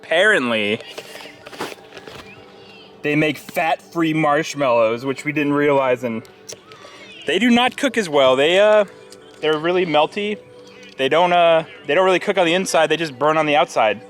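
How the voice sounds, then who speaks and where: A young adult American man hosts a casual vlog outdoors. His voice sits a little high for a man, and he explains things in a chatty, easygoing style. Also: lively intonation, moderate pace, pauses often, a bit bright, soft background music. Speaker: vlog host. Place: outdoors on park trails and at a campground.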